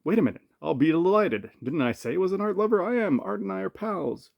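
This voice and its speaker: A man's voice: fairly high pitch, sing-song, fairly quick, gravelly, no echo, muffled recording, voice pushed up. The Phantom, a man doing a jaunty masked hero. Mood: playful.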